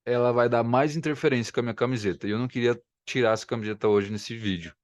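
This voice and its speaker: This man's voice is medium-pitched and quick, captured in a muffled recording with no echo. He films himself in a home room, facing the camera, for an explanatory language lesson, patiently repeating words to show the sounds.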